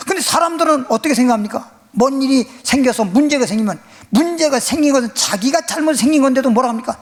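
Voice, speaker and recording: High-voiced preaching Korean pastor, man. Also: creaky. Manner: animated folksy preaching with rhetorical questions to the congregation. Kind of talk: sermon. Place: church sanctuary.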